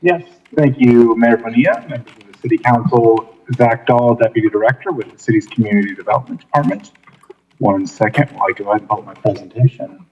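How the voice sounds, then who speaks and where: A man's voice: medium pitch, fast, darkish tone. Sex: man. Role: city staff presenter. Style: formal meeting presentation. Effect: muffled hollow sound, as if speaking from a tunnel. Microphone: video call. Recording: dull lo-fi remote audio.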